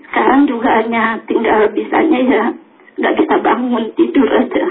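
A woman in her sixties calling in to a radio show, asking a question hesitantly with many pauses. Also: on the high side, little pitch movement. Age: 60s. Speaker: caller. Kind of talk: phone-in question. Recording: tinny phone line.

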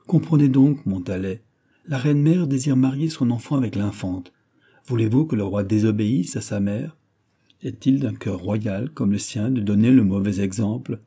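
A man voicing a soft-spoken, earnest young woman in an audiobook reading of a classic novel. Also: fairly low pitch, normal speed, breathy edge.

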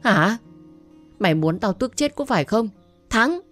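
A woman voicing a furious middle-aged mother who scolds in rapid, shouting bursts. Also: medium pitch, animated, faint music behind, voice pushed up.

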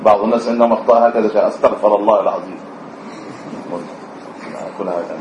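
A man's voice: lowish voice, racing, a little mellow, slight background noise. A man, teaching a class on the call to prayer, asking students questions and singing out short examples. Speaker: religious teacher. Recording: echoey room, slightly dull sound.

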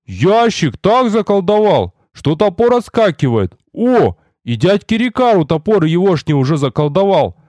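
Man voicing a whiny eager young guard, wailing pleas, high and animated, audiobook. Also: normal speed, hardly any pauses, dry recording. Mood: pleading. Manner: whining, wailing calls. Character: young male wall sentry, pleading and eager.

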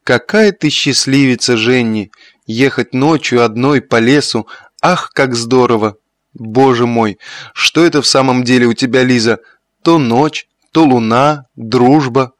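A man's voice: mid-range voice, a little slow, no echo, lightly acted. A man voicing a haughty young woman in an audiobook, with a dry, mocking manner.

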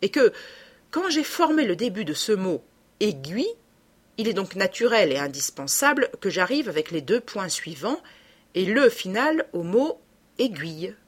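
A woman's voice: medium pitch, big pitch swings, normal speed, breathy edge. Woman reading a keen young detective. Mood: reasoning. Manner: methodical, reasoning aloud. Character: young male amateur detective, keen and reasoning. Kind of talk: audiobook reading.

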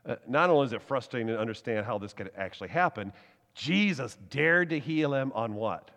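A man preaching a sermon, telling the story in a lively, animated way with laughs and acted-out quotes. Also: mid-range voice, a little fast. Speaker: pastor. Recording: long hall reverb.

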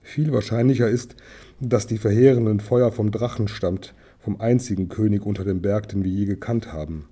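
A man's voice: lowish voice, fairly even intonation, normal speed, dark tone, husky. A man voicing a grim-voiced human bowman who gives gloomy, urgent warnings in a storybook reading.

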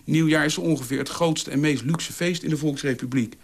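A man reading a radio story, voicing a calm, soft-spoken mother in a commune. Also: a little high, fairly quick, pitched above the performer's own voice. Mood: soothing.

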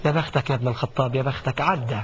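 A man preaching a colloquial sermon with an Egyptian accent, dramatic, dropping to a hush and then building to loud exclamations. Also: mid-range voice, rapid-fire. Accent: Egyptian Arabic. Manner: dramatic, swings from hushed to rising exclamations. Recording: dull lo-fi recording with faint noise.

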